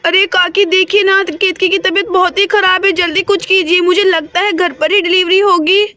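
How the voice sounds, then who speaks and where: A woman's voice: extremely high pitch, steady tone, sharp tone. A woman voicing an anxious young village neighbour who hurries to fetch help in a doll-play story. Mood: hurried worried. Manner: hurried and worried.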